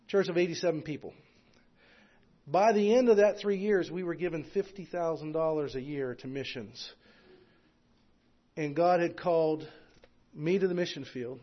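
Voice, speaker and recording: High-voiced earnest missionary preacher. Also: male voice, dull audio. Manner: earnest, with rising preaching intensity; hesitant, with repeated restarts. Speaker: missionary speaker. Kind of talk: sermon.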